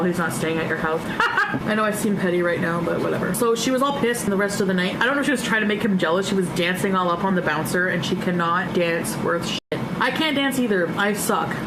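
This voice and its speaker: A woman's voice: fairly low pitch, background noise. A woman casually recounting a personal story, chatty and blunt, swearing freely and laughing often. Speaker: storyteller recounting her past.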